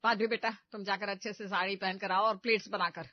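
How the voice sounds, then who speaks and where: A woman voicing an exasperated middle-aged mother-in-law who scolds loudly in a cartoon story. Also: mid-range voice, level tone, quick pace, no echo, dull audio, pitched below the performer's own voice, lightly acted. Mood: weary.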